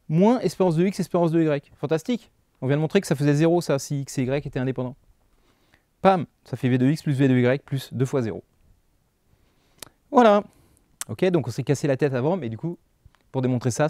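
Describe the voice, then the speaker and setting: A man's voice: a little high, warm tone, no echo, clean studio sound. A man teaching a math lesson over slides, casual and chatty, thinking aloud with fillers and little jokes.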